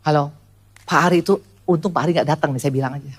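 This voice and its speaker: A woman in her sixties preaching a lively sermon to a church congregation, calling out to the audience and dropping to quiet asides. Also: racing, husky. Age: 60s. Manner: animated, swings from loud high calls to low quiet asides. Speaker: pastor. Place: church service before a congregation.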